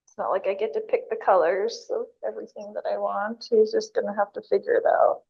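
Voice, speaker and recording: A woman's voice: medium pitch, flat delivery, normal speed, gravelly, slightly rough. A woman speaking from jail on a recorded prison phone call, with a wry, knowing manner and frequent small laughs.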